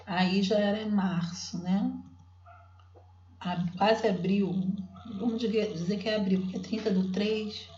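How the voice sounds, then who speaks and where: A woman teacher patiently explaining how she guides young children to write, sounding out syllables slowly. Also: medium pitch, steady tone, a little mellow, echoey room, lo-fi sound, slight background noise. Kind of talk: explaining classroom literacy work.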